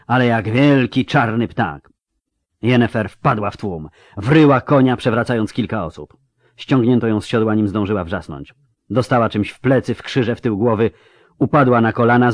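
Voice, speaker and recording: A man's voice: medium pitch, no room sound, studio quality. A man narrating a fantasy audiobook with a dramatic, varied delivery.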